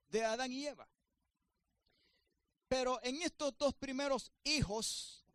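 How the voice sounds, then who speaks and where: Male pastor, sermon delivery, high voice, dry recording, emphatic rises with soft asides. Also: clear, resonant tone, dry recording.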